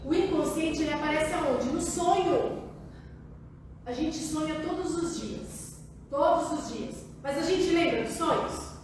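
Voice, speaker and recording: A high-voiced psychoanalyst with a Brazilian Portuguese accent gives a public talk in a large meeting hall, answering audience questions. She speaks a little slowly, warm and conversational, and often asks the audience things. The recording is very echoey, with her voice far from the mic and background noise.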